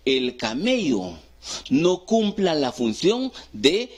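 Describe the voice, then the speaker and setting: A man preaching a sermon as pastor, asking the congregation questions and answering them himself, swinging between loud rising calls and hushed low phrases. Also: big pitch swings, slow pace, breathy edge. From Guatemala. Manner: call-and-response questions to the congregation.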